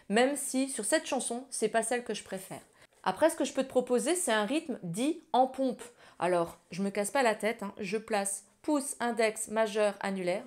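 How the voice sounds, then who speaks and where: A woman giving a casual ukulele lesson, chatting directly to the viewer and walking through strumming patterns. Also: fairly high pitch. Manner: chatty, addresses viewer as tu, sings lyrics while strumming. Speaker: ukulele teacher. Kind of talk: ukulele tutorial for children's songs. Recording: ukulele loud under voice. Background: ukulele playing.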